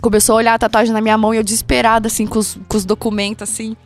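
A woman's voice: on the high side, little pitch movement, very fast, soft background music. A young woman on a podcast, telling a story in a casual, slangy, swearing way and acting out the dialogue.

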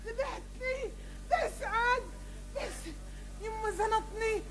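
A woman's voice: extremely high pitch, slow pace. An actress playing a frightened wife in a classic TV series who begs her husband, pleading shrilly and tearfully. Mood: scared pleading.

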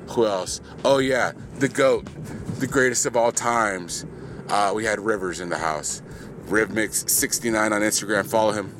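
A man coaching at a gym, recapping the day's workout for his podcast in a casual, joking way, full of fillers and playful hype. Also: noisy background. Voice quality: low monotone voice, by his own joke.

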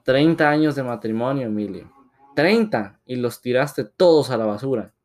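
A man's voice: medium pitch, animated, normal speed, a little mellow, lightly acted. A man voicing an older mother, a betrayed wife who weeps and rages at her husband. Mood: furious. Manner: weeping, distraught and furious.

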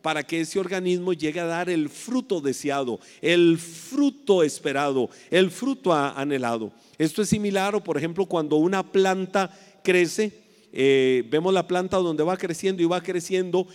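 Male preacher, high voice, earnest sermon delivery, long hall echo. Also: darkish tone. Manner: earnest, slows down to stress key phrases.

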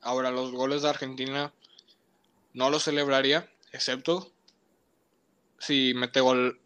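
A man's voice: medium pitch, flat delivery, measured pace, fairly bright tone, smooth. A young man with a Mexican accent, a podcast co-host in stubborn, teasing casual sports banter.

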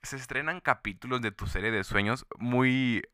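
Bright, rambling young Mexican man. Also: medium pitch, moderate pace, clean tone, dry recording, clean studio sound. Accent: Mexican Spanish. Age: young adult. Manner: rambling, full of fillers and restarts. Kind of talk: casual monologue.

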